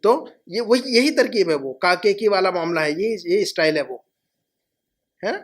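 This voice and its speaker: A middle-aged man with a high voice leads a classroom lesson. He speaks patiently and repeats each phrase slowly so his students can follow along. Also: expressive. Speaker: Arabic teacher.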